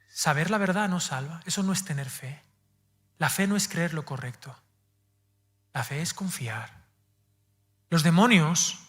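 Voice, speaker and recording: A male pastor with a Spain Spanish accent, preaching a sermon and talking straight to his listeners, swinging from loud emphasis to hushed asides. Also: fairly high pitch. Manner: addresses the congregation directly and playfully.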